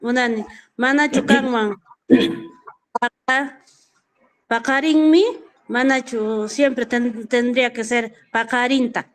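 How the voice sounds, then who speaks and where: Hesitant, high-voiced female student. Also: steady tone, slow pace, long pauses, low-quality recording. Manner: hesitant, tries out phrases with self-corrections.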